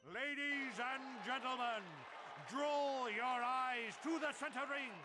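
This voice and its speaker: A flamboyant game arena ring announcer, pitched very high for a man. He delivers theatrical, drawn-out boxing-style introductions over a roaring crowd. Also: fairly even intonation, music in the background. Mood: showy, building hype. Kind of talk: video game voice acting.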